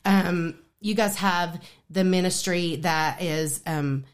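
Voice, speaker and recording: Woman, guest, excited, lots of fillers, slightly low voice, casual interview talk. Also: takes it slowly. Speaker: ministry guest.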